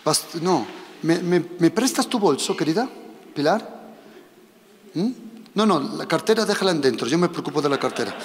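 A man from preaching a sermon, animated and repeating his instructions to the congregation. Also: on the high side, moderate pace, pauses often, a little hiss or hum. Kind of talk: sermon with live demonstration. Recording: long reverb of a hall.

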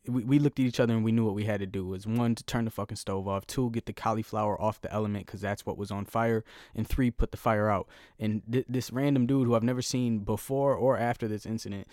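A man hosts his own podcast alone, wandering from story to story with lots of swearing and jokes at his own expense. His voice sits low. The sound is dry and close, with no room around it. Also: darkish tone, no room sound. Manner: rambling, profane, self-deprecating. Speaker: podcast host. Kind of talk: solo casual podcast monologue. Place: at home.

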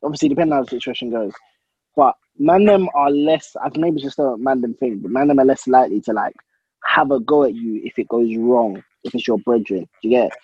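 A man's voice: mid-range voice, fairly quick, breathy edge, no room sound, highs cut off. A young man with a London accent and roadman slang, chatting casually in a group.

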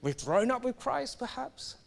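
High-voiced animated preacher man from Singapore. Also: unhurried, vocal fry. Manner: animated, emphatic, with stumbles and restarts. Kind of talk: sermon.

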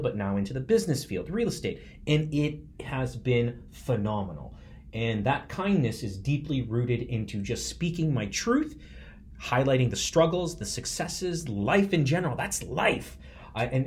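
A podcast host in his forties delivers a motivational monologue, earnest and emphatic, speaking from the heart. His voice is medium-pitched with a darkish tone.

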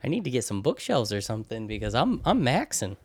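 A man co-hosting a podcast in casual chat, joking and animated, laughing often. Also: medium pitch, fast talker, no echo. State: out of breath. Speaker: podcast co-host.

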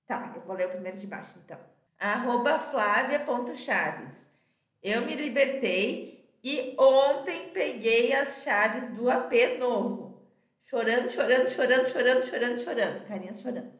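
Brazilian woman podcast co-host, chatty and emphatic, slightly high voice, echoey room. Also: animated, moderate pace. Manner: chatty, emphatic, tags phrases with "tá?". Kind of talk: casual chat, reading listener comments.

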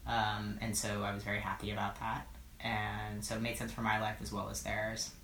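A man in his thirties from California's East Bay, answering oral history questions in a hesitant, thoughtful way with many pauses, recorded in his apartment. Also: lowish voice, completely flat delivery, gravelly, bright, forceful tone. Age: 30s. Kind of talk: reflective interview answers. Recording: roomy apartment recording, faint noise.

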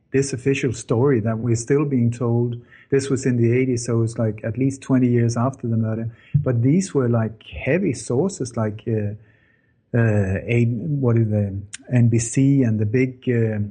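A middle-aged former journalist, born in Denmark and raised in Sweden, tells his story to an interviewer earnestly, full of fillers and self-corrections. He speaks a little slowly in a mid-range voice with fairly even intonation and a dark, slightly rough tone.

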